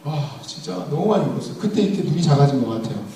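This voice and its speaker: A young man preaching in a big, echoey hall, his voice picked up from some way off. His tone is warm and slightly raised, and he swings up and down freely as he tells a humorous story and speaks to the congregation. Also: fairly high pitch, big pitch swings, rapid-fire, a little hiss or hum. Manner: humorous storytelling, addressing the audience directly. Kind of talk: sermon. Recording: echoey hall, mic at a distance.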